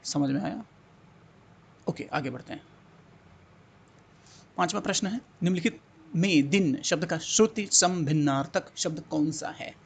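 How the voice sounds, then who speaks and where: A man's voice: a little high, measured pace, gravelly, long pauses, breathy edge. A man teaching a Hindi exam-prep lesson, repeating words and coaxing students to think and answer. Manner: repetitive, coaxing questions to students.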